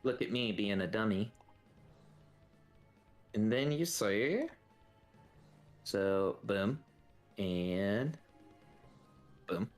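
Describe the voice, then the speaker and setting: A man's voice: on the low side, drawn-out words, long pauses, faint music behind. Laid-back male dungeon master. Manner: relaxed, many filler ums. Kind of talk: narrating a tabletop game.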